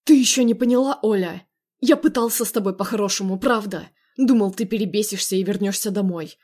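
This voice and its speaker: Woman reading a domineering, menacing man, loud and commanding. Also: mid-range voice, brisk, lightly acted. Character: Andrei, possessive domineering young man.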